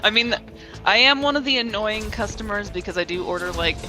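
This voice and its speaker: A woman's voice: medium pitch, animated, fairly quick, pushed and bright, rough recording. American woman, casual chat, candid, rambling, sweary, music in background.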